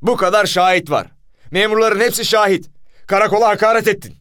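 A man voicing a gruff, burly, short-tempered male police commissioner who barks orders and shouts. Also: medium pitch, quick pace, no echo, clean studio sound, natural voice. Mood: shouting.

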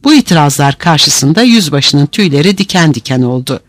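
A male narrator reads a novel aloud with vivid drama. His fairly high voice rises and falls widely, captured close and dry with no room sound. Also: brisk, dry recording. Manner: vivid, expressive reading.

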